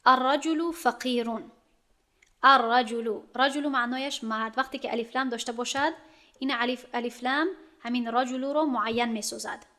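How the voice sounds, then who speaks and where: A woman's voice: a little high, a bit bright. A woman teaching Arabic grammar, explaining step by step and often asking her students whether they have understood. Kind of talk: classroom grammar lesson.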